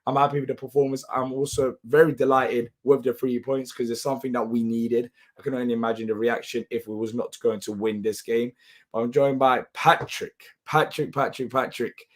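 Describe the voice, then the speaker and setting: Hoarse, tired male football show host. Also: mid-range voice, steady tone, brisk. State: hoarse, voice lost. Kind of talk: live match reaction commentary.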